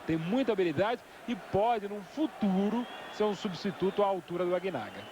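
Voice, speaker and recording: A Brazilian co-commentator gives live football analysis, explaining his opinions in long asides. His high-pitched voice is animated and moves at normal speed, and the noisy outdoor stadium broadcast carries crowd noise behind him.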